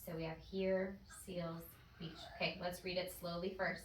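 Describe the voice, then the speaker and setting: A woman's voice: on the low side, flat delivery, normal speed, heavy background noise. A woman teacher leading a phonics lesson with a child in a classroom, patient and encouraging. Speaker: first-grade teacher. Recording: echoey classroom audio from far off.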